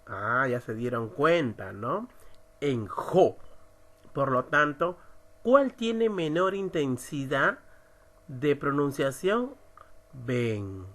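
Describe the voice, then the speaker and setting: A man teaching an online writing class, slowly stressing syllables as he explains. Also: a little high, very animated, a bit bright. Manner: slow, emphatic, stresses syllables. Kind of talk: recorded online lesson.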